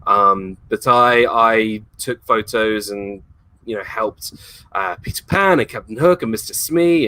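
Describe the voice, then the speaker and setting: A man's voice: mid-range voice, pushed and bright, no echo. A man being interviewed on a casual livestream, talking enthusiastically and rambling with frequent laughs. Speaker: guest, YouTuber and former theme park worker.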